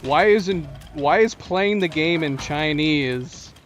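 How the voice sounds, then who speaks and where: With a slightly high voice and a slow pace, an American streamer gives laid-back commentary on his gameplay, often laughing and talking to viewers. There's slight background noise along with game music underneath.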